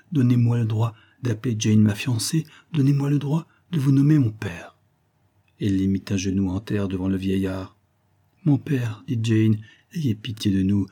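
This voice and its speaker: Husky, dark-voiced man reading a novel. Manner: reads dialogue with lively raised pitch for each character. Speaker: audiobook reader. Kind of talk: scripted narration of a classic novel.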